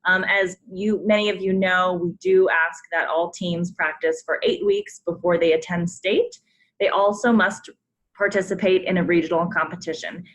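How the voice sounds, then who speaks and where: On a coach conference call, a woman from the sports program staff briefs listeners while walking through forms on screen, friendly and polite with frequent ums and reminders. Her voice is fairly low and fairly bright, but the audio is poor.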